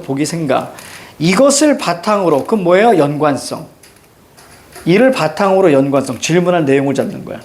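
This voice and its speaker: A middle-aged male teacher lecturing in a classroom, walking students through exam questions and prompting them with tag questions. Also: a little high. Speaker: Korean language teacher. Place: classroom with a blackboard.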